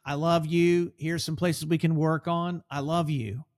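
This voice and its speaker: A man's voice: fairly high pitch, steady tone, unhurried. A man co-hosting a podcast, speaking reflectively and personally, with small restarts. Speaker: podcast co-host. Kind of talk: conversational podcast discussion.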